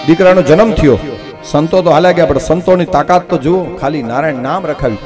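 A man with a Kutchi Gujarati accent telling a religious story at a live katha, acting out the characters with sudden jumps in pitch. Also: fast, over music. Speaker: Bhagavat katha preacher.

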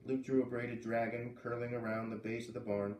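A man in his thirties reads a children's novel aloud in a living room, mixing narration with casual asides. His mid-range voice is brisk, flat, and a little mellow, picked up by a camera mic a few metres away, so the room echoes and faint noise sits underneath.

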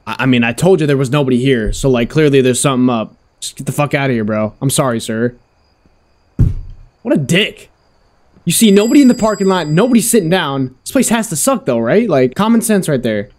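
Man, gameplay commentary, jokey, slangy, cursing, fairly high voice. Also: a little mellow. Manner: loose, joking, profane reactions, slangy. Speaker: gaming content creator.

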